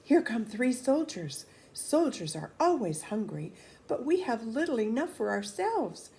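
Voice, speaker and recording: A woman's voice: fairly high pitch, very animated, unhurried, vocal fry, a little mellow, a little hiss or hum, pitched above the performer's own voice, exaggerated voice. A woman voicing wary, stingy peasants from a storybook, in a plaintive, exaggerated way. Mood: worried. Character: wary, stingy peasants making sorrowful excuses. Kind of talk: storybook character reading.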